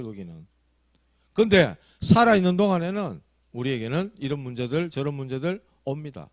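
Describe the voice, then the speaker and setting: Storytelling Korean pastor with lively pitch. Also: male voice, dry recording. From South Korea. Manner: storytelling, conversational with rising emphasis. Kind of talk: sermon. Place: church sanctuary.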